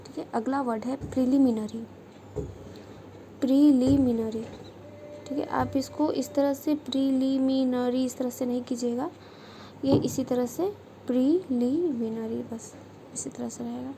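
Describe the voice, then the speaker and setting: A woman teaching shorthand, slowly repeating each word as she demonstrates it. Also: high-pitched, steady tone, warm tone, slight background noise, poor audio. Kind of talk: instructional lesson.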